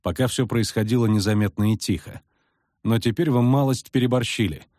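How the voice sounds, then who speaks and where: A man's voice: mid-range voice, fairly quick, a little mellow, dry recording, studio quality, lightly acted. A man voicing a stern male gang leader who speaks seriously and at length. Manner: serious, lecturing.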